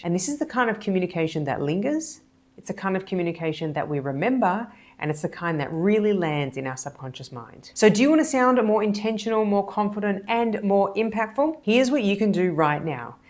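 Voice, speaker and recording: A woman hypnotist and body language coach explaining speaking techniques in a measured, deliberate, emphatic way. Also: mid-range voice, animated, a little mellow. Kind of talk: explanatory video lesson.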